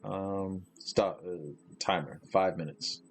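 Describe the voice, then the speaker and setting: A man's voice: sits low, steady tone, takes it slowly, faint music behind. A man chatting casually while he streams a game live, rambling and losing his train of thought. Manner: rambling, with many fillers and restarts. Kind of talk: casual live gaming chat.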